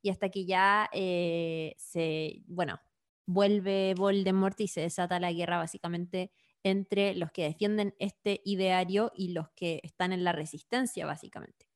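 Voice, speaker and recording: A woman with a Chilean Spanish accent in a casual podcast chat, giving long, animated explanations full of slang. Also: fairly low pitch, unhurried.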